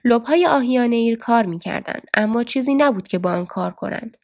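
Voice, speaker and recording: A woman's voice: fairly high pitch, lively intonation, dry recording. Give me a woman narrating a story steadily, recorded dry and close. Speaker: audiobook narrator. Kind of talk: scripted narration.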